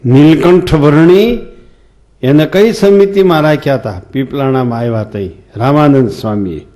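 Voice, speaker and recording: A man with a fairly high, warm voice speaks at a moderate pace. He is a swami offering a scripture discourse, full of folksy storytelling and questions directed at the hall.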